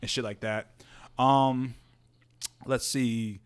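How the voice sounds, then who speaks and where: Casual, swearing young guy co-hosting a podcast, laughs a lot and tells stories in a loose, rambling way, mid-pitched voice. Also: fairly even intonation, slow pace, smooth. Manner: loose, profane storytelling that slips into quoted voices; laughs often while talking. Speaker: podcast co-host. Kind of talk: casual chat.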